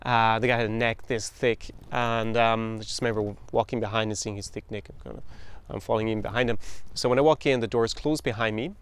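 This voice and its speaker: An Irish podcast host in his thirties tells a chatty, anecdotal travel story, chuckling and doing voices when he quotes people. His voice is fairly low with fairly even intonation, a brisk pace, and a clean tone.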